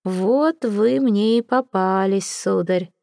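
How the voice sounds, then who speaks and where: A woman voicing a drunk, belligerent male army lieutenant in an audiobook, speaking slowly and with contempt. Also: medium pitch, fairly even intonation, darkish tone, no echo, clean studio sound, close to an everyday voice. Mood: taunting. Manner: slow, taunting, contemptuous. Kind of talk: audiobook character reading.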